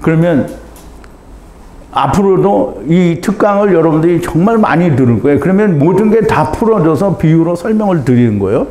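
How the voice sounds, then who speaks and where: A man preaching a sermon as a pastor, pleading and impassioned, swinging between shouts and low, urgent appeals. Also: animated, moderate pace, slight background noise. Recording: echoey room.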